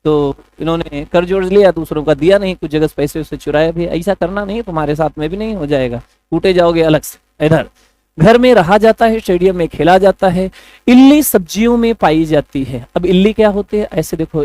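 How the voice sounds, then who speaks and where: Guy teaching an exam prep class, pretty high voice, jokey and chatty, calls students beta, dry close sound. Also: fairly quick, dark tone, no echo, rough recording. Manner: chatty, joking, addresses students as beta and bhaiya. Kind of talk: online class lecture.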